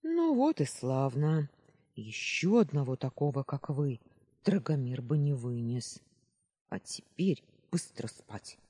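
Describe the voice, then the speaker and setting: A man's voice: mid-range voice, warm tone. A man voicing a bossy young sentry barking orders. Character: stern young male sentry, irritable, bossy.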